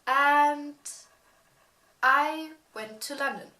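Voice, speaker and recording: A young woman of eighteen shares a personal story in a gossipy, chatty vlog style. Her voice sits fairly high and she takes her time, dropping in emphatic asides. The room adds a noticeable echo. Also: drawn-out words, pushed and bright. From Germany. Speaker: vlogger. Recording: roomy echo.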